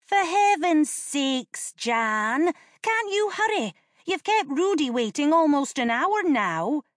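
Audiobook: woman doing a cocky little noble boy, high and quick-tempered, impatient and superior. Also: dry recording, clean studio sound, heavily acted. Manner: excited, superior, conspiratorial. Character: impatient eight-year-old noble boy, lofty tease.

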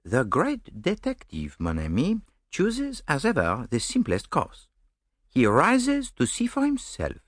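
A man's voice: on the high side, huge pitch swings, slow, dry recording, clean studio sound, pitched above the performer's own voice, heavily acted. A man voicing a vain, fussy middle-aged Belgian detective with a Belgian French accent and a smug, theatrical manner. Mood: placid smug.

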